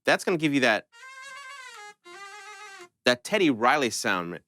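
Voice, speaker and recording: Very animated yet at a measured pace, a man with a medium-pitched, sharp voice hosts a synthesizer tutorial over soft background music. He talks informally and conversationally, going through the steps one at a time.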